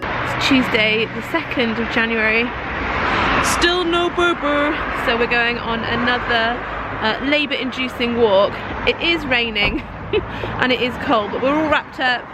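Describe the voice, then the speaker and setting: A woman's voice: fairly high pitch, measured pace, loud music behind the voice, low-quality recording. Giggly pregnant woman vlogging. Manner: chatty, giggly, self-mocking. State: heavily pregnant, tired and out of breath. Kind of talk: casual vlog chat. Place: outdoors on a rainy walk and at home.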